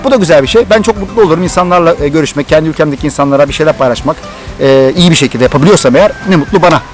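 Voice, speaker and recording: A middle-aged Turkish man with a Thracian accent tells a story to his vlog audience, talking fast and eagerly. His voice sits a little high, and faint music plays behind him. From Turkey. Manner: excited, animated storytelling. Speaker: vlogger.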